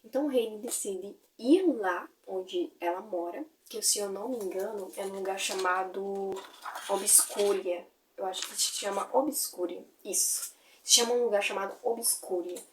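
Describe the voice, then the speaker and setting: A woman's voice: mid-range voice, moderate pace, distant mic, a little hiss or hum. Chatty woman recapping a book. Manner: chatty, full of fillers like "tipo" and "gente". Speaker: book reviewer.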